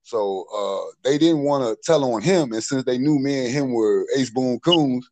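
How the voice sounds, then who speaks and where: A man's voice: medium pitch, moderate pace, darkish tone, no room sound, poor audio. A middle-aged man telling street stories in a casual, profane way, full of "you know what I'm saying.". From Maryland, USA. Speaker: podcast storyteller.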